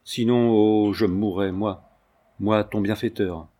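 A man voicing an anguished older man in a read-aloud novel, pleading and halting in broken phrases. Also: on the low side, fairly even intonation, warm tone.

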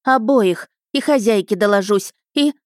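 A woman voicing a fretful townswoman mother who scolds and laments loudly, in an audiobook reading. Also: mid-range voice, measured pace, no echo, clean studio sound, pitched above the performer's own voice, lightly acted. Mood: scolding.

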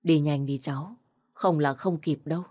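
A woman voicing an anxious old grandfather in a spoken story, hurried and worried. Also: sits low, darkish tone.

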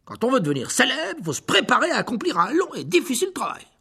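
A performer voicing a vain, evasive wizard teacher in a storybook reading, with a husky, gravelly voice, stammering through fillers and nervous laughs. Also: medium pitch, huge pitch swings, quick pace, sharp tone, exaggerated voice. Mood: smug.

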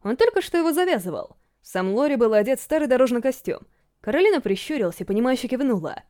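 Brief: woman audiobook narrator, higher voice, very lively pitch. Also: fast. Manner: expressive storytelling.

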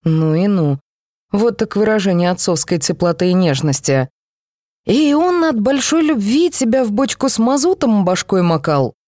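A woman's voice: medium pitch, sing-song, normal speed, warm tone, no echo, studio quality, voice pushed up, natural voice. A woman reading the lines of a blunt, sarcastic young man who teases everyone around him. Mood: mocking. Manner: sarcastic, teasing.

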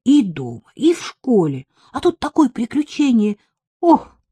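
A woman reading an audiobook and voicing a frank, excitable schoolgirl who speaks bluntly. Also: a little high, a little slow, husky, dry recording, voice pushed up, heavily acted. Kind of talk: audiobook narration.

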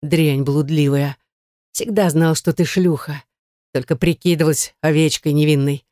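A woman's voice: sits low, steady tone, normal speed, mellow, no room sound, close to an everyday voice. Brief: menacing young ex-boyfriend, icy, taunting, read by a woman narrator, audiobook, dry. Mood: contemptuous. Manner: icy, contemptuous, threatening.

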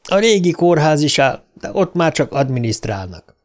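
A man's voice: fairly high pitch, sing-song. A man voicing a chatty, coarse middle-aged taxi driver in an audiobook, folksy and fond of repeating a pet phrase.

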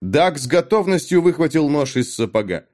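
A man reading an audiobook story aloud with a dramatic, expressive delivery. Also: a little high, normal speed. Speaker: narrator. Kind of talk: audiobook narration.

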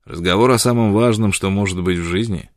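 A man playing a gruff, blunt old frontiersman who talks loudly and insistently. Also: lowish voice, fairly quick, no echo, studio quality, close to an everyday voice.

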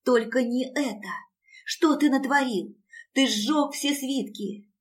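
A woman's voice: mid-range voice, normal speed, breathy edge, recorded from a distance, natural voice. Audiobook: female narrator voicing a frightened, worn-out young heroine. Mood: alarmed. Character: frightened, weary young woman.

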